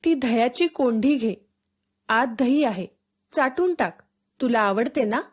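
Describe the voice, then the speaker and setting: A woman voicing a strict village mother in a storybook reading, giving sharp commands. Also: a little high, lively intonation, a little slow, breathy edge. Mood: gentle.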